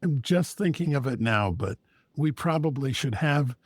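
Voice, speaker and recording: A man's voice: medium pitch, animated, normal speed, no room sound. A man, a storyteller and co-host, talking casually in conversation.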